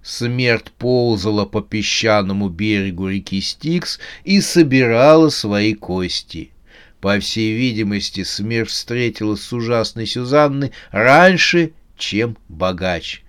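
A man reading a comic horror novel aloud as an audiobook narrator, in a steady, measured way. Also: lowish voice, clear, resonant tone.

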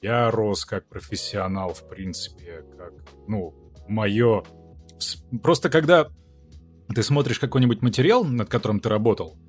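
A low-pitched man chats as a guest on a podcast. He is a dubbing actor and talks in a thoughtful, halting way, letting his sentences fade out quietly. Soft music sits faintly in the background. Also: husky. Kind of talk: casual podcast chat.

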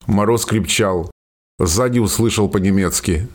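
In an unhurried delivery, a man with a fairly low voice narrates a war story as scripted storytelling for a radio play.

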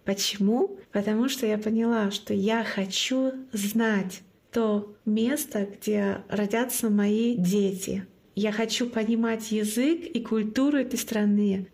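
A woman from Northern Russia, whose first language is Komi, is interviewed as a guest and club founder, telling her personal story earnestly and repeating key phrases for emphasis. Her voice is medium-pitched and a little mellow.

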